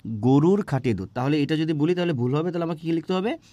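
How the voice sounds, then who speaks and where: In a dry, dull-sounding recording, a man with a slightly high, warm voice works through exam-prep grammar. He asks himself questions and supplies the answers, going slowly and often stumbling over "ah" fillers and restarts.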